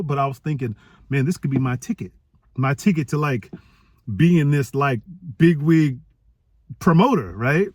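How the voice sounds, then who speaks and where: Male storyteller, slightly high voice, animated, acts out dialogue, dry close sound. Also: dry recording. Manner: animated, acts out quoted dialogue with pitch jumps. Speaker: speaker telling a personal story. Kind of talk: storytelling talk.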